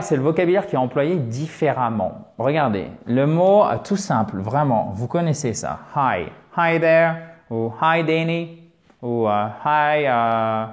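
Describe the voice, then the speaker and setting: Man teaching English, lively and chatty. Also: mid-range voice. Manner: lively teaching with many pauses, fillers and checks like "ok?". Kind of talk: explaining an English lesson to the camera.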